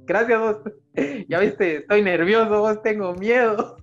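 A man's voice: sits high, unhurried, lo-fi sound, faint music behind. A young man with a Central American Spanish accent, co-hosting a casual podcast chat, joking and slangy, laughing often. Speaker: podcast co-host.

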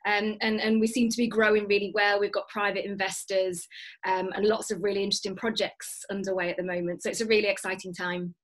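A woman's voice: medium pitch, flat delivery, fast. A woman, a guest on a video call, talking enthusiastically with many fillers and restarts. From Lancashire, England. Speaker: guest, business founder. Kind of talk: remote interview. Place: dim home room.

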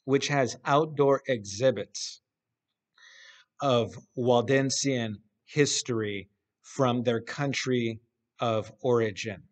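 Slow, deliberate man preaching a sermon. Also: medium pitch. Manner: slow, deliberate speaking with hand gestures. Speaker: pastor. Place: empty church sanctuary with wooden ceiling. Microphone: camera close up at face level.

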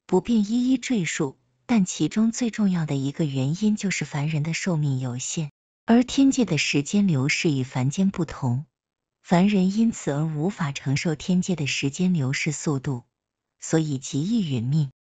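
A woman reading a story aloud, voicing a gentle, courteous celestial maiden who speaks softly and formally. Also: sits low, breathy edge, no echo. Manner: soft-spoken, formal.

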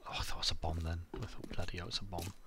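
A man's voice: low voice, steady tone, rapid-fire. A man talking to himself as he plays a survival game, muttering and swearing mildly. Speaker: gaming YouTuber. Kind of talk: let's play commentary. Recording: loud game noise behind.

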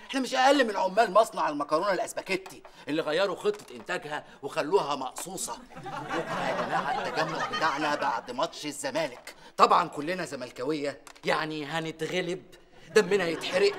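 A man's voice: fairly high pitch, quick pace, a loud crowd, close to an everyday voice. An actor playing a factory foreman with an Egyptian accent, rallying workers for a strike in conspiratorial sitcom speech. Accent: Egyptian Arabic. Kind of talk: sitcom acting.

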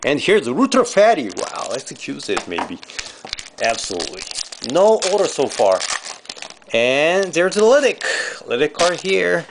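Slow, lively-pitched man opening hockey cards. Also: creaky, noisy background. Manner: mixes Japanese and English, reads out card names, chuckles often. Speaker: box break show host. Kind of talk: casual card-opening commentary.

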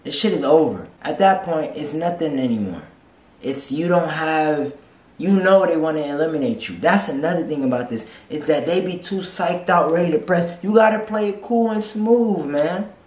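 In an echoey small room, a young man in his twenties comments on a reaction video from his couch, brash, profane and mocking throughout. His voice runs on the high side with a darkish tone, animated at normal speed.

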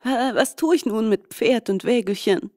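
A woman's voice: fairly high pitch, moderate pace, darkish tone, no echo, clean studio sound, voice pushed up, close to an everyday voice. A woman voicing a greedy, reckless young male glassmaker who complains and demands. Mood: lamenting.

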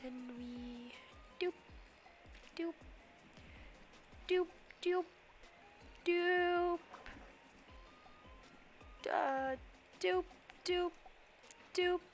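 With an extremely high voice, this young woman speaks extremely slowly and pauses often, soft music behind her. She's livestreaming a game from her bedroom, rambling, humming nonsense, and sniffling slightly from a cold.

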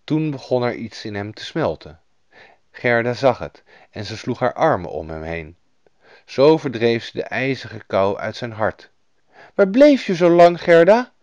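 A man narrating a fairy tale in a lively storybook manner, doing the characters' voices himself. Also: lowish voice, a little slow, dry recording. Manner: lively storybook reading, voicing each character. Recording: dull lo-fi dry recording.

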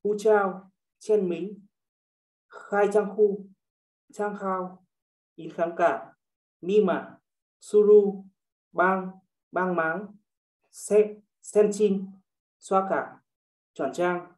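A woman student reads a word list in a very slow, halting manner, her pitch mid-range. Her voice carries a roomy echo. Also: steady tone, a little mellow. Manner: slow, halting reading of vocabulary.

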